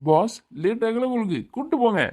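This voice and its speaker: A woman's voice: a little high, lively intonation, normal speed, a little mellow. A woman voicing a grumpy, dismissive young businessman in a cartoon. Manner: irritable, offhand, dismissive. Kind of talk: cartoon voice acting.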